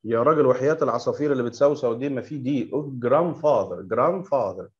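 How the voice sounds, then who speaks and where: A man with an Egyptian Arabic accent teaching English to young pupils in an online class, patiently correcting them and repeating words slowly for them to echo. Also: medium pitch, steady tone, highs cut off. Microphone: video call.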